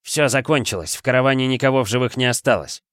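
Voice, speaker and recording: A man's voice: mid-range voice, fast, fairly bright tone, dry recording, clean studio sound, lightly acted. A man voicing an arrogant, cruel teenage boy bandit who speaks haughtily and threatens. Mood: menacing, haughty.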